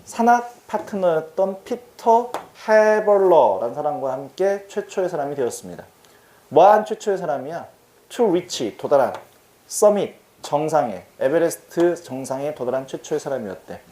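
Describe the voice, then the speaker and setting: A man's voice: on the high side, lively intonation, moderate pace, mellow, reverberant. A man teaching English vocabulary in a casual exam-prep lecture. He talks in a chatty, slangy way and keeps asking his students questions.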